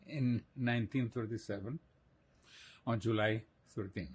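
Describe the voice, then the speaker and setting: Slow, husky older man. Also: lowish voice. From Greece. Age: 80s. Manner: slow, reflective, with soft laughs. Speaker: interviewee. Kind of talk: oral history interview.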